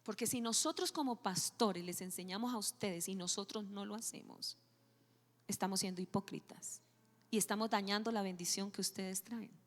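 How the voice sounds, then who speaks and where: A woman pastor preaching a sermon, telling a story with lively acted-out dialogue. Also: mid-range voice, normal speed. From Colombia. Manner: animated storytelling, acting out dialogue. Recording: long hall reverb with faint music.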